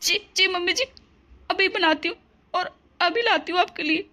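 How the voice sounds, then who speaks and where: A woman voicing a gentle young daughter-in-law in a cartoon story, speaking softly and hesitantly. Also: very high voice, moderate pace. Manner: soft, pleading, hesitant.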